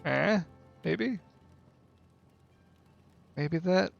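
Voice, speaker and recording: A man chats slowly and easily to his stream viewers while he builds, teasing them as he goes. His voice sits a little high, with a gravelly edge. The audio is dull and lo-fi, with faint music underneath. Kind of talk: casual live-stream chat while building a park.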